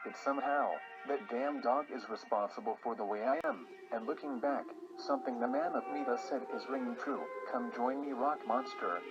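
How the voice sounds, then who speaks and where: Guy doing a dry flat robot monotone, brooding and mad, dull lo-fi audio, music playing clearly behind. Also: medium pitch, normal speed, hardly any pauses. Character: brooding angry male robot-voiced creature.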